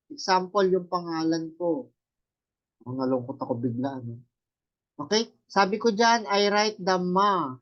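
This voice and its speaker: A man's voice: high-pitched, highs cut off. A man teaching a Japanese lesson, explaining step by step and often checking with his students. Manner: explains step by step, quizzing students with rhetorical questions. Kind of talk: classroom lesson explaining katakana.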